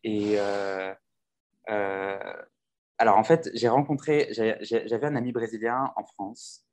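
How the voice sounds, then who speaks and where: Man, language teacher, somewhat low voice, casual chat, hesitant, lots of restarts. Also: darkish tone, slight background noise. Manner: hesitant, many restarts and fillers; earnest, reflective. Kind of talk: casual conversation.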